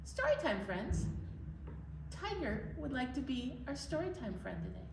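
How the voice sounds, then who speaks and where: A woman with a high voice and big pitch swings, speaking at a moderate pace, hosts a children's library storytime. She uses simple, encouraging phrases for young children and leads sing-alongs. The roomy recording has a distant mic, music, and a little hiss or hum.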